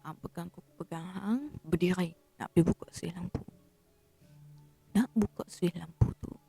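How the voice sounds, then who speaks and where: Gravelly northern Malaysian woman telling a story. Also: lowish voice, normal speed, soft background music. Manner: animated, drops to a hushed whisper for suspense. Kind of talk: casual ghost-story telling.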